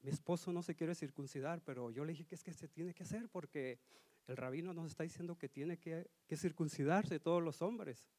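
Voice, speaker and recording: A man's voice: on the high side, brisk, warm tone, no room sound. A man giving a sermon as a guest preacher in a church, telling a personal story in an earnest, slightly nervous way. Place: church hall.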